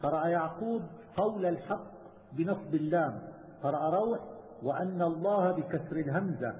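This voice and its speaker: A man teaching Quranic reading variants, chanting verse and then listing each variant in a measured, methodical way. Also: a little high. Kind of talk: chanted recitation and itemized explanation. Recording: tinny phone-like sound with long reverb.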